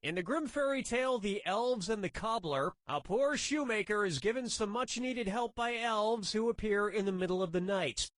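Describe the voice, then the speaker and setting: A man's voice: high voice, lively intonation, normal speed, few pauses, heavy background noise. A man playing a wry, sardonic quiz show host in a scripted comic game. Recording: loud music behind the voice.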